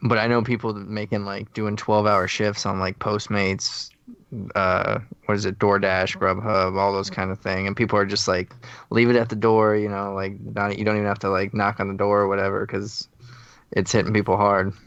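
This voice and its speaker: A man's voice: on the low side, monotone, moderate pace, fairly bright tone, clear, resonant tone, dry recording, lo-fi sound. A man co-hosting a podcast in casual, conversational chat. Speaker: podcast co-host.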